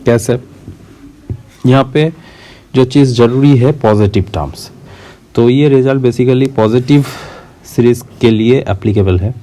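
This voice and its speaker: A man's voice: medium pitch, warm tone. A man with an Indian accent teaching a math lecture, moving between Hindi and English and explaining step by step, checking in with his students as he goes. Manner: mixes Hindi and English, slow deliberate explaining, checks understanding.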